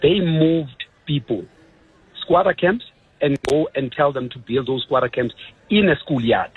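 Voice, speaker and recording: A man with a South African accent calling in to a radio show, emphatic and complaining, with loud rises in his voice. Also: on the high side, measured pace, breathy edge. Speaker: radio caller. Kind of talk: phone-in opinion. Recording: lo-fi phone line.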